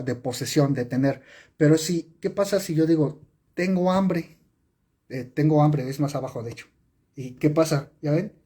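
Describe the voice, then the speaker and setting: A man's voice: mid-range voice, dark tone, breathy edge. A man teaching sign language on a live stream, explaining step by step, repeating and correcting himself with many fillers. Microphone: phone or webcam on a live stream.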